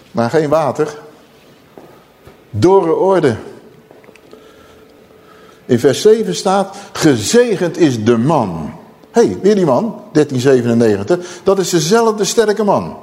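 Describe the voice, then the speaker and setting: A male preacher giving an emphatic sermon, reading scripture slowly and solemnly between his own comments. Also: a little high, very animated, a little mellow, big-room sound.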